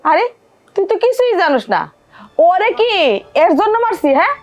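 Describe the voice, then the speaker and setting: A woman's voice: very high voice, lively intonation, normal speed, dull audio, soft background music. An actress playing a stern but protective grandmother defending her orphaned grandson. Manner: scolding, pleading. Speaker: grandmother in a family drama. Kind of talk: television drama acting.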